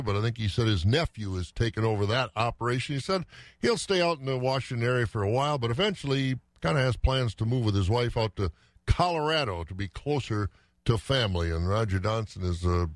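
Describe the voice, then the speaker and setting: A man's voice: medium pitch, dry recording, clean studio sound. A man hosting farm radio, chatting casually in a folksy way. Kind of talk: casual on-air chat.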